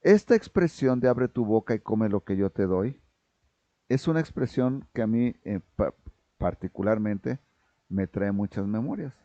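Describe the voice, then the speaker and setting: A man preaching a sermon in a low, mellow voice, speaking emphatically and pausing to ask his listeners whether they follow. The recording is dull and lo-fi, with a dry, close sound. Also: animated, no room sound. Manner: emphatic, often checks in with listeners by asking "right?"; raises his voice when reading scripture aloud. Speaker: pastor.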